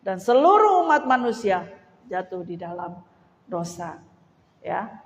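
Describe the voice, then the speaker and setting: A woman pastor preaching a sermon in a lively way, often acting out the voices she quotes. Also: mid-range voice, a little slow. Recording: dull recording with long hall reverb.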